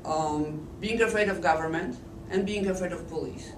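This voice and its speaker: Recounting her life for an oral history, this interviewee from Poland, a woman in her fifties, has a lowish, hoarse voice that illness has pulled down. Her Polish-accented speech is slow and measured, with many restarts. The audio, taken by a Flip camcorder set at a distance, sounds echoey, far away and noisy.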